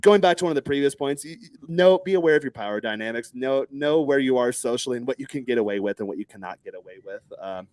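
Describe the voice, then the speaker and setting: Brief: man in his thirties from Texas, animated storyteller in a rapid, dry-sounding podcast chat. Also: mid-range voice, dry recording. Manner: animated, acts out other people's lines in raised voices, swears freely.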